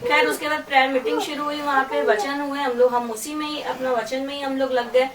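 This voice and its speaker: A woman's voice: high voice, fairly even intonation, brisk. A middle-aged woman giving a testimony to a congregation, telling a story and quoting what others said. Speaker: church member giving testimony. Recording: echoey room from far off, noisy.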